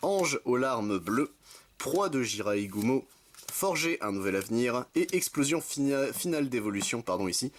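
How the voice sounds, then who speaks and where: Chatty young male host, steady mid voice, reads card lists with quick self-corrections over faint background hiss. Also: mid-range voice. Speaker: card-opening video host. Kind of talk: casual commentary while opening card packs.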